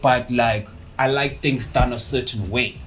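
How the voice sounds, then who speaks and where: A young man talks as a guest on a podcast in a mid-pitched voice. He is casual and jokey, using plenty of slang and repeating words as he rambles along. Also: steady tone, unhurried, a bit bright, faint music behind.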